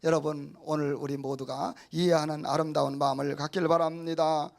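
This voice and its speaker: A middle-aged man preaching with a high, gravelly voice. He talks to the congregation in a homely, folksy way, acting out little scenes and punctuating them with hallelujahs. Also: little pitch movement, moderate pace, darkish tone. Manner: folksy preaching with acted-out quotes and frequent hallelujahs. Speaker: pastor. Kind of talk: sermon.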